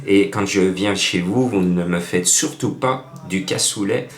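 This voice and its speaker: Chatty lower-voiced man giving racing tips. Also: unhurried, reverberant. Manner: lively, chatty, addresses listeners directly. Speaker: horse racing tipster. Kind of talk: betting tips monologue.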